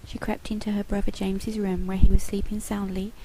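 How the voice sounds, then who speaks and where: A woman narrating a children's storybook aloud in a gentle, measured way. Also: medium pitch, flat delivery, slight background noise, low-quality recording. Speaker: author reading her own book.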